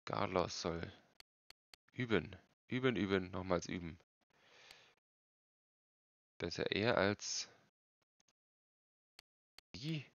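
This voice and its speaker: Deep, gravelly man streaming a game. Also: very slow, long pauses, no room sound, highs cut off. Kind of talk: casual game commentary.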